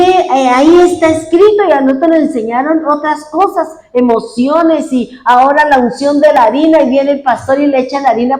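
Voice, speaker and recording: Fervent high-voiced woman pastor preaching. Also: a little mellow. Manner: fervent, quotes congregants and prays aloud. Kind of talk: sermon. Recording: echoey room.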